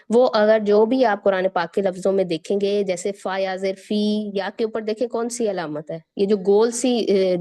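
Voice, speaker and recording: A woman teaching Quran recitation rules, explaining patiently and stretching words slowly to demonstrate. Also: mid-range voice, mellow. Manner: explains step by step and checks in with listeners. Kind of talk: tajweed lesson, explaining and demonstrating.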